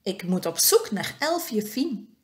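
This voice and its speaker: A woman voicing a gentle, worried little male storybook companion who talks earnestly and pleads for help. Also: mid-range voice, very animated, slow pace. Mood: eager.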